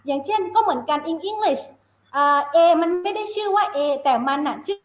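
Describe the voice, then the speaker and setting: A woman teacher with a high voice explains phonics on a live stream, moving between Thai and English. She keeps checking that her listeners understand, and the sound is roomy and echoey. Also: expressive, a little fast. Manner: mixes Thai and English, asks checking questions. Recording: roomy echo.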